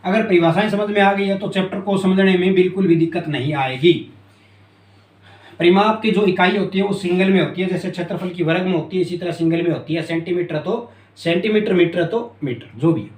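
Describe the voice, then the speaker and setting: High-voiced man teaching at a board. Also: brisk. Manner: repeats key terms and asks "clear?". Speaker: math teacher. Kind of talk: classroom lesson at a board. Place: classroom with a board. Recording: echoey room.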